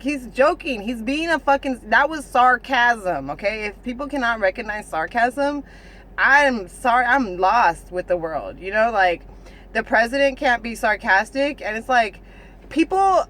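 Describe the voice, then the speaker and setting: A woman vlogger ranting casually to her viewers, swearing a lot, restarting her sentences and asking "you know what I'm saying" again and again. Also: mid-range voice. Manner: restarts and stumbles, animated. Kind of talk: casual rant to camera.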